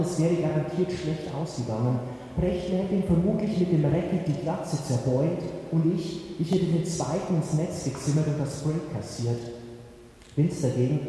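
A man's voice: on the high side, warm tone. A man narrating a first-person story for an audiobook in a wry, conversational way. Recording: echoey hall with faint hiss.

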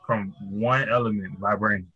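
A man's voice: lowish voice, steady tone, normal speed, husky, dull audio. A man hosting a podcast, chatting casually in laid-back slang. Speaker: podcast host. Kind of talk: casual chat.

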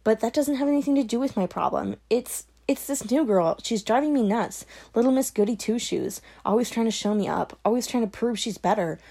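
A woman's voice: on the high side, lively intonation, brisk, vocal fry, hardly any pauses, dark tone, slightly rough, pitched above the performer's own voice, exaggerated voice. Woman doing a whiny sulky teen girl. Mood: resentful. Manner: whiny, thick-voiced as if crying. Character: sulky, resentful teenage girl. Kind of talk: audiobook character voice.

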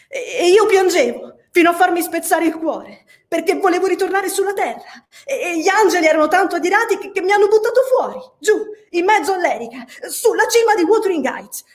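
A woman's voice: sits high, natural voice. A woman voicing a passionate, troubled young woman who stammers as she pours out a strange dream, read as an audiobook. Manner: stammering, emotional. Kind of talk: audiobook reading.

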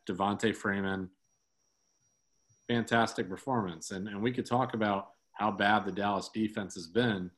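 A man with a fairly low voice co-hosts a casual sports talk show. He rambles, circling back with fillers and restarts as he works through his points. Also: fairly bright tone. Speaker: sports podcast co-host.

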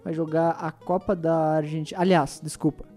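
A man on a football panel giving deliberate, opinionated views in a casual debate. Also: on the high side, little pitch movement, dark tone, soft background music.

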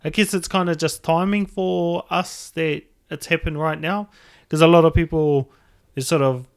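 A man's voice: on the high side, steady tone, normal speed, gravelly, clear, resonant tone. A man from New Zealand with a Māori English accent hosts a casual podcast, speaking in loose, hesitant phrases. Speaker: podcast host.

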